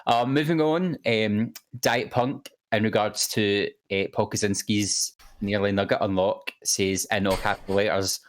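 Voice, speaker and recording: A man's voice: lowish voice, level tone, a little slow, hardly any pauses. A man co-hosting a casual podcast, reading viewer comments aloud with many fillers and restarts. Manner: hesitant, many fillers and repeated words. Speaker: co-host reading chat.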